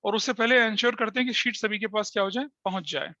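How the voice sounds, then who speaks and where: A male teacher lecturing a class with a bright, forceful voice. He checks often that the students are following. The recording is dry and slightly dull. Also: high voice, fast, no room sound. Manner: explains step by step with frequent checking questions to students; mixes Hindi with English terms.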